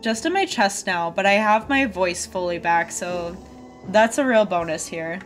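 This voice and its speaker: A woman's voice: medium pitch, expressive, a little slow. Chatty woman streamer over game music. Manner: chatty, reacting aloud and addressing viewers. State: getting over a cold with a cough. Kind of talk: live game stream chat, reading dialogue aloud.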